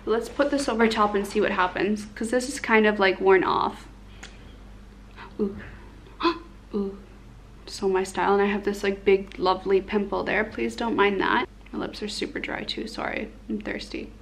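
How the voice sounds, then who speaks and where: A beauty and lifestyle vlogger in her twenties chats casually with her viewers from the living room and kitchen of her home. Her mid-range voice has a steady tone and moderate pace, and she comes across as bubbly, informal and self-deprecating.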